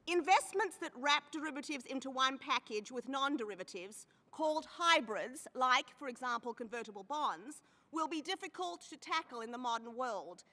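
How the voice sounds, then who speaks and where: Woman testifying in a big echoey hearing room, high bright voice, leans hard on key words. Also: expressive. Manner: emphatic, with slowed stress on key phrases. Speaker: hearing witness. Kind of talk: formal testimony. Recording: long reverb of a hearing room.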